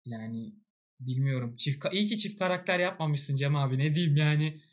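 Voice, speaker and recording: A man's voice: fairly high pitch, moderate pace. A man hosting a casual podcast chat, joking and playful. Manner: joking, playful, laughs often. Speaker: podcast host.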